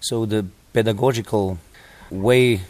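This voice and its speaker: Slovenian-accented man, middle-aged, composer being interviewed; slow, lowish, hesitant delivery. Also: steady tone, a little mellow, no room sound. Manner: halting, with many pauses and fillers. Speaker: composer and music teacher. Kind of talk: interview answer.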